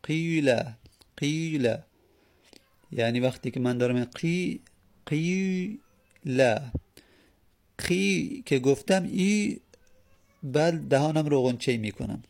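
A man teaching Arabic grammar in a patient way, repeating each word and sounding out the examples slowly. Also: medium pitch, expressive, vocal fry, a little mellow. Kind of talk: explaining Arabic grammar in Persian.

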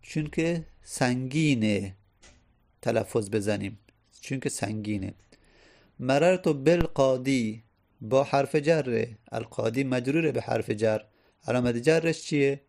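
Man teaching grammar with a gravelly voice. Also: medium pitch, long pauses, a little mellow. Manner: explains step by step, repeats key phrases; sounds out vowels to demonstrate. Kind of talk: Arabic grammar lesson.

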